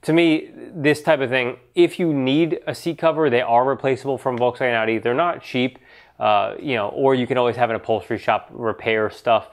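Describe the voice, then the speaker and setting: A man with a stuffy, nasal sound left over from a recent cold talks through listener questions. His delivery is loose and conversational, full of fillers, and his pitch sits at an ordinary middle height for a man. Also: steady tone, normal speed. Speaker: show host answering car questions. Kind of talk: casual talk-show Q&A.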